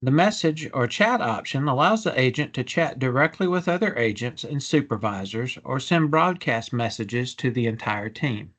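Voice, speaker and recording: A man presenting a software demonstration in a measured, businesslike, explanatory way. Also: mid-range voice, animated. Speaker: product demonstrator.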